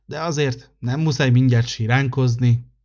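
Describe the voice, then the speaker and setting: Man doing gruff old December. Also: medium pitch, fairly even intonation, highs cut off, close to an everyday voice. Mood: gruff kindly. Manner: grumbling, gruff but gentle.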